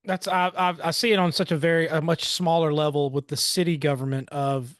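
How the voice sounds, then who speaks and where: Chatty host, dry close sound. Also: male voice, a little high, fairly even intonation, fairly quick, no room sound. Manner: chatty and friendly, with restarts and uhs. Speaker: podcast host. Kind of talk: casual interview.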